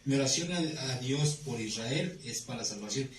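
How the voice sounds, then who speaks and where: A man chimes in during a Bible study, searching for his words and circling back as he quotes verses. He is heard from off the mic, in a reverberant room with steady background noise. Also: mid-range voice, normal speed. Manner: hesitant, full of fillers and restarts while paraphrasing verses. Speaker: class participant. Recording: distant mic in an echoey room with clear noise.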